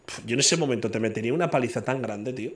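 A man's voice: medium pitch, rapid-fire. A man from in casual chat who talks bluntly, swears freely and argues his point over and over.

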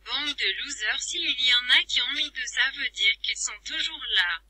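A woman's voice: sits high, normal speed, no echo, exaggerated voice. A text-to-speech woman voicing a mocking translator-app robot. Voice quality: flat synthetic text-to-speech delivery. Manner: teasing, insults viewers as losers. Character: cheeky female translator-app voice, taunting. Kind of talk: computer-voiced vlog bit.

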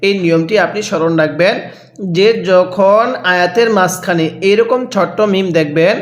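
High-voiced Bangladeshi man teaching recitation. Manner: spells out words slowly, then chants them drawn out; asks the listener questions and has them repeat after him. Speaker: Quran teacher. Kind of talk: step-by-step recitation lesson.

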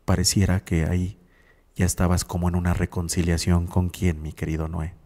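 A man's voice: low-pitched, monotone, moderate pace, mellow, in a large hall. A male radio host and psychologist, giving reflective spiritual talk and often checking in with his listeners. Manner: reflective, keeps asking "sí?".

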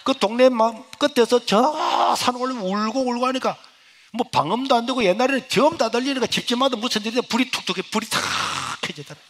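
A middle-aged male pastor, giving an emotional sermon testimony that swings from hushed to loud. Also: extremely high pitch, fairly quick.

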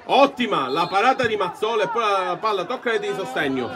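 A man with an Italian accent giving breathless, excitable live futsal goal commentary, shouting on shots. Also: fairly quick, music in the background. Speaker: sports commentator. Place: outdoor caged futsal pitch. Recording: outdoor pitch, crowd noise behind. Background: crowd.

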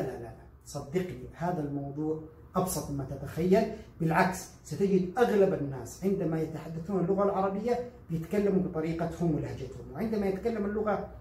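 A high-voiced man teaching in an animated, chatty way, now and then mimicking learners. He sounds a little distant from the mic. His voice rings in an echoey room. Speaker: English teacher. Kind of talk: lively spoken lesson.

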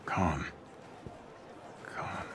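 An actor with an American accent playing a kind, steady soldier superhero in a video game, measured and reassuring. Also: male voice, slight background noise. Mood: kindly. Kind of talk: cinematic video game acting.

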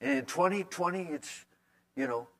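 Folksy preaching man, higher-pitched voice. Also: moderate pace. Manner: conversational, folksy preaching with repeated emphatic words. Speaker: pastor. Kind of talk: sermon.

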